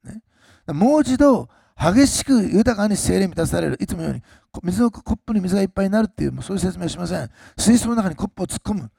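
Man, pastor, sermon, fast talking, gravelly voice, loud emphasis and low asides. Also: animated, no echo, studio quality.

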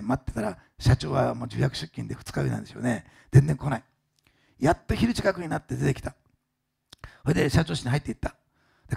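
A male pastor telling a story in a sermon, with a deeply gravelly, husky voice. His pitch swings widely as he dramatizes, animated and expressive.

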